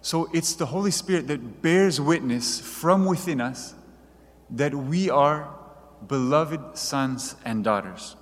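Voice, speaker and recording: A man preaching a sermon in an earnest, measured way, reading quoted passages aloud. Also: fairly high pitch, long reverb tail.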